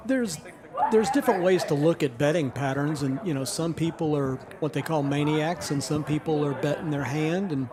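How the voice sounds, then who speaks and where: A man's voice: a little high, moderate pace. Dry-humored older man on poker commentary. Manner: dry, folksy. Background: crowd chatter of a poker room.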